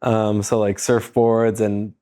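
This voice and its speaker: Laid-back lower-voiced man. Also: slow pace, clear, resonant tone. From San Diego, California. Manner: relaxed, laid-back, with frequent "uh" and "um". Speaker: guest, private lender. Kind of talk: casual interview chat.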